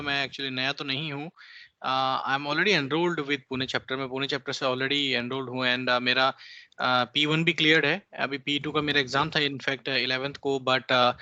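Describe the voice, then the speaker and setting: A man's voice: mid-range voice, pushed and bright, dry recording, muffled recording. A man from Uttarakhand introducing himself hesitantly in an online class over a video call, full of fillers and switches between Hindi and English. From Uttarakhand, North India. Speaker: astrology student.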